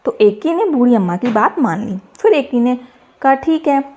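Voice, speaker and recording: A woman's voice: a little high, big pitch swings, moderate pace, darkish tone, lo-fi sound. A woman teacher reading a children's story aloud and retelling each line in simpler words, checking in with questions.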